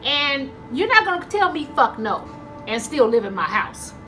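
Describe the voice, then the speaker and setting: With soft music behind her, a woman speaks in a high, sing-song, sharp voice at a moderate pace. The mukbang vlogger chews between phrases as she casually tells stories to y'all, acting out the dialogue.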